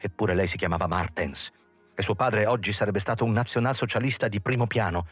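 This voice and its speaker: A man reading a novel aloud in a measured, dramatic storytelling manner with a husky voice. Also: fairly low pitch, no echo, lo-fi sound, soft background music. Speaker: reader. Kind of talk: literary audiobook reading.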